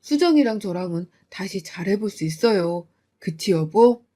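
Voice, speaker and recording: A woman voicing a meek young husband who pleads in a low, soft, apologetic voice. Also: expressive, normal speed, close to an everyday voice. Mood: pleading.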